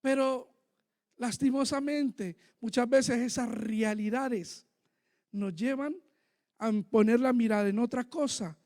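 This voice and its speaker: A man preaching a sermon in a church, sharing a personal testimony with fervent emotion that swings between loud and soft. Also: extremely high pitch, slow pace.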